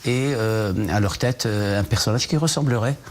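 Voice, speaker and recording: A Moroccan novelist with a fairly low voice and moderate pace is a guest in a TV news interview. Answering questions in the studio, he sounds hesitant, with many fillers and restarts.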